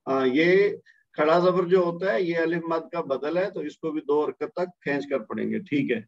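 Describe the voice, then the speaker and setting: A man's voice: fairly high pitch, gravelly, highs cut off. A male Quran teacher running an online tajweed class, patient but firmly correcting his student.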